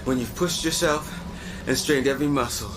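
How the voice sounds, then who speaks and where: An actor playing a world-weary prison inmate who narrates in a blunt, sardonic, profane way. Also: male voice, mid-range voice, moderate pace, lightly acted. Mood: boastful. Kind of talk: scripted TV drama monologue. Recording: audible background noise.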